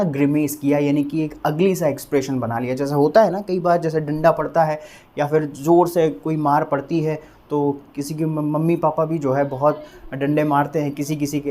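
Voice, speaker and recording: A male English teacher giving a vocabulary lesson, who repeats each word slowly to drill its pronunciation and keeps checking that viewers have understood. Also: fairly high pitch, dark tone. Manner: addresses viewers as friends, asks "clear?".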